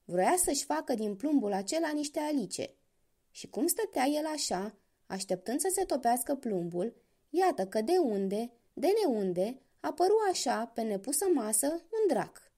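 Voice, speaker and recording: A woman storyteller telling a fairy tale to children, speaking straight to her listeners. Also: on the high side. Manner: lively, addresses the listeners directly.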